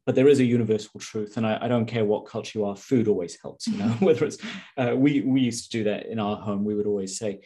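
A man's voice: lowish voice, fast, dark tone. A man hosting a podcast, asking questions in a reflective, conversational way. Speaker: podcast host. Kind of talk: casual interview.

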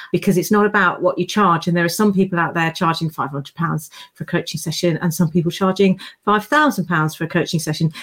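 A middle-aged British woman talking casually as the host of a podcast. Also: on the low side.

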